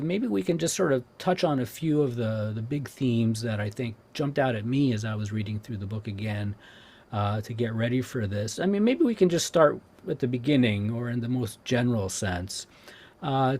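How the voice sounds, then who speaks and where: An older man from Southern California interviewing a guest, talking in a relaxed, rambling way with many fillers. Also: medium pitch. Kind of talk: academic interview.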